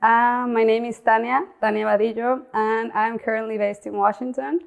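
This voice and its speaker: A young outdoor content creator appears as a guest in a casual interview, talking about herself in English with a Mexican accent, as Spanish is her first language. Her gravelly voice stays in an even, narrow pitch range, and she pauses and restarts phrases.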